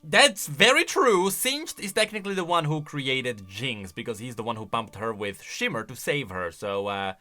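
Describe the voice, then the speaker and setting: In a mid-range voice at normal speed with few pauses, a man comments casually and energetically on game voice lines, alternating strong emphatic moments with quieter asides.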